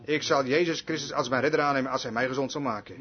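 A man voicing a humble, soft-spoken young man who answers in low, quiet replies. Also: fairly even intonation, fast, close to an everyday voice. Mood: meek. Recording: dull lo-fi recording.

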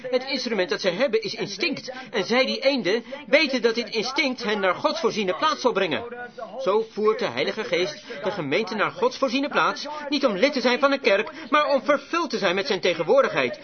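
Man preaching with fervor, high and lively voice, dull lo-fi recording, congregation heard behind him. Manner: emphatic, fervent exhortation. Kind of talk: sermon.

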